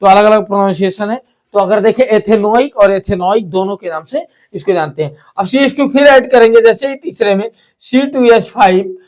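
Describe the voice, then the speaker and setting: A man's voice: high voice, moderate pace, darkish tone. A man teaching a chemistry lesson, repeating key terms and asking and answering his own questions. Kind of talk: classroom lesson explanation.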